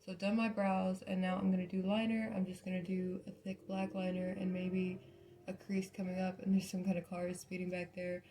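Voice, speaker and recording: Low, creaky young woman, mouth recovering from wisdom teeth surgery. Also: flat delivery, normal speed, warm tone, slight background noise. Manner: informal, apologetic, thinking aloud. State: mouth recovering from wisdom teeth removal a few days earlier. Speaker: makeup tutorial vlogger. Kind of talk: casual chatty makeup tutorial.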